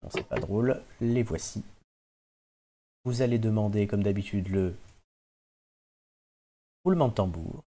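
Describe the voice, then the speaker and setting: A man's voice: on the low side, measured pace, long pauses, mellow. A man hosting a casual quiz podcast who teases the players and builds mock suspense around their scores. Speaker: quiz host.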